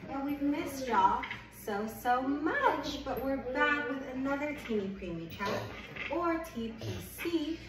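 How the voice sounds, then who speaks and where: A woman with a high-sitting, expressive voice reads and chats with young children over a picture book, a little slowly, enthusiastic and encouraging and often repeating words for them. A crowd murmurs behind her, and the distant mic picks up an echoey, noisy room.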